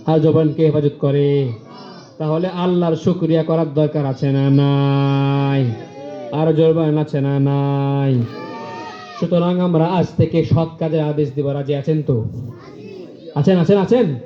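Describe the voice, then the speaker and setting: A male preacher giving a fiery sermon with sung refrains, calling out to the crowd for loud answers. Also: fairly even intonation, measured pace, a little hiss or hum. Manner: rises into high, forceful exclamations. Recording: roomy, dull lo-fi sound.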